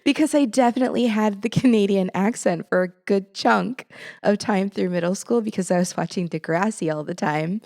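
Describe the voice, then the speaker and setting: A woman's voice: mid-range voice, fairly quick, creaky, a little mellow. A woman in her thirties co-hosting a podcast, chatting casually, thoughtful, often breaking into laughter. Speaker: podcast co-host. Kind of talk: casual chat.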